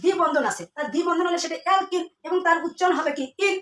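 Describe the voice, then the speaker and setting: A woman's voice: very high voice, fairly even intonation, racing, fairly bright tone. A woman teaching a chemistry lesson to students, asking questions and then answering them herself, repeating the key terms. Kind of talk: classroom lesson. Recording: echoey room, mic at a distance.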